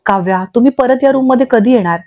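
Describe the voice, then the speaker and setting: A woman's voice: fairly high pitch, fast talker, close to an everyday voice. Woman reading a lovestruck young man, light and teasing, lo-fi. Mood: dreamy. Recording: dull lo-fi audio.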